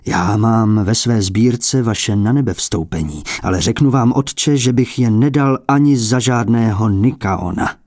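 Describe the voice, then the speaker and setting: A man's voice: on the low side, few pauses, a little mellow, no room sound, clean studio sound, lightly acted. A man voicing a courteous male art collector who pleads with an old abbot in a polite, earnest, coaxing manner.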